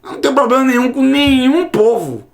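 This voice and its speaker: A man's voice: very high-pitched, animated, brisk. A man giving a casual online Hebrew lesson, repeating words to drill their sound. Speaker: Hebrew teacher.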